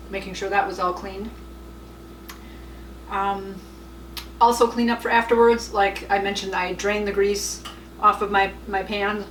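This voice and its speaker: A woman's voice: mid-range voice, a little hiss or hum. A middle-aged woman chatting casually through a cooking demonstration in her home kitchen, rambling a little with fillers and small laughs. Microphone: camera mic at some distance. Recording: roomy kitchen, voice a bit far off.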